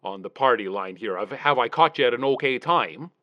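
A man hosts a comic podcast over the phone, rambling folksily with plenty of "you know" and "uh." His mid-range voice is brisk with lively intonation, no echo, and a dull, dry phone-line sound.

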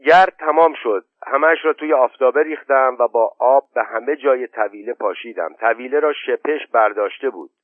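A man's voice: medium pitch, few pauses, dry recording, lightly acted. A man voicing a humble, deferential male servant who chatters apologetically. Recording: tinny narrow-band, dry.

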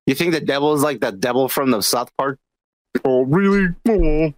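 A man's voice: medium pitch, animated, normal speed, no echo. A man co-hosting a casual podcast, profane and rambling, laughing often. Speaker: podcast co-host.

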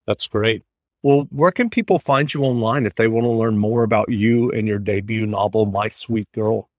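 Male interview host, smooth scripted delivery, dry close sound. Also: lowish voice, moderate pace, darkish tone, dry recording. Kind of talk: radio-style interview hosting.

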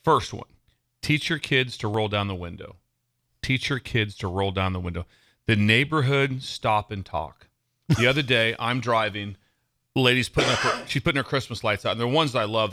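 Nebraska guy on a sports podcast, really bright punchy voice, animated storyteller always laughing. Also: medium pitch, fairly quick. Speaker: podcast co-host. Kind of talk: casual sports podcast chat.

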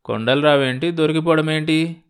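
Man playing a ruined drunk father, weak, bewildered, higher voice, questioning. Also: normal speed, clean tone, close to an everyday voice. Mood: indignant. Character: broken, drink-ruined poor father, bewildered.

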